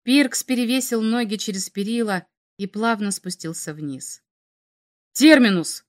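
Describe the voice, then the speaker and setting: A woman reading science fiction aloud as an audiobook narrator, measured and dramatic. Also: medium pitch, expressive.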